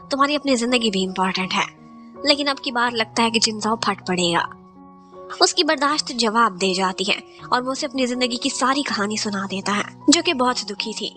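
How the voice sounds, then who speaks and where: A woman's voice: sits high, sharp tone. A woman narrating a recap of a drama, retelling each scene in Hindi sprinkled with English words. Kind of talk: scripted storytelling recap.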